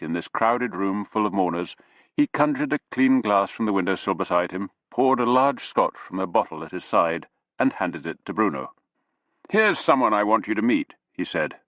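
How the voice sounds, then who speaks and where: Male audiobook narrator, steady reading, lo-fi dull sound. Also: low voice, dry recording. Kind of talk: scripted narration.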